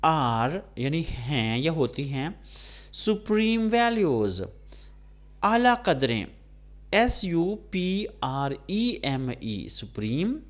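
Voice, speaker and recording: A man's voice: a little high, sing-song, dull audio. A man from Pakistan teaching English to blind students, spelling words out letter by letter and translating them into Urdu. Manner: slow, spelled-out dictation of words, switching between English and Urdu; addresses students by name, checks understanding. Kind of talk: recorded classroom lecture.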